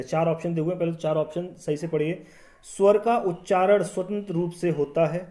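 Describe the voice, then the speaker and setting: A male teacher going through exam-prep quiz questions, repeating each question and checking in with the viewer, his sentences often trailing off quieter. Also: high voice. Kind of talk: quiz walkthrough, explaining answers.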